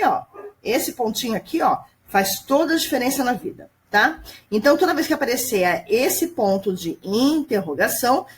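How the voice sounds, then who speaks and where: A woman teaching grammar in a patient, explanatory way, checking in with her students over and over. Her voice sits fairly high and swings widely in pitch. A faint hiss of background noise sits under the recording. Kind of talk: screen-recorded grammar lesson. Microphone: computer mic at home screen recording.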